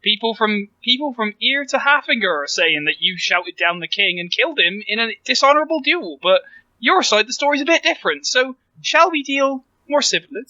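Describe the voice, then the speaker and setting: A man banters casually as a player in a tabletop game. His voice is high for a man and extremely bright and forceful, though the recording is dull and lo-fi. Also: animated, a little fast, no echo.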